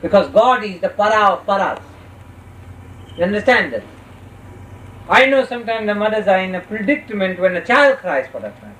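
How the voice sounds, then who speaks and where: A spiritual teacher giving a religious discourse with parables, speaking instructively and slowly in short phrases with deliberate pauses. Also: medium pitch, very animated, fairly bright tone. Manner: instructive, checks listeners' understanding. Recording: roomy, distant mic with faint noise.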